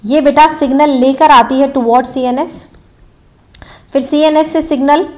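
A woman's voice: high voice, steady tone, a little slow. A young Indian woman giving a live biology lecture, mixing English terms into Hindi, calling students "beta" and quizzing them by repeating key answers. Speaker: biology teacher. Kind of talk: live online exam-prep lecture.

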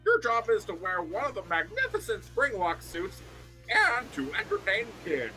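A man's voice: sits high, huge pitch swings, normal speed, pushed and bright, soft background music, heavily acted, rough recording. A young man voicing a breezy male pizzeria manager, cheerfully reading game dialogue aloud.

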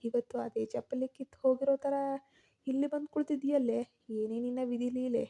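A cruel, sneering young man out for revenge, as a woman storyteller puts him on. He mocks in a steady, flat, mellow voice that sits fairly high. It is told as an audio story. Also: fairly quick, vocal fry. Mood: mocking. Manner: taunting, sneering. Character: bitter vengeful young man, mocking and cruel.

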